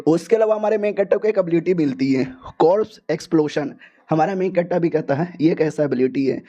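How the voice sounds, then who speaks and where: A man's voice: high voice, brisk, warm tone, muffled recording. A man narrating a comic story recap in a slangy, joking, chatty way.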